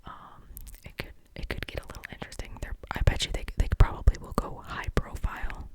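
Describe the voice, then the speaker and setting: This is fairly quick, whispered ASMR sports talk from a Midwestern American host close to the mic. He rambles, restarting often and saying um a lot, over poor audio.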